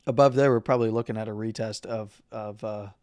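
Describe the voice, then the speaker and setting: A man hosting a live market analysis stream who is losing his voice, talking casually through chart levels with halting fillers and the odd throat-clear. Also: lowish voice, steady tone, a little mellow, no room sound. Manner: halting, with fillers and number readouts; clears throat and coughs now and then.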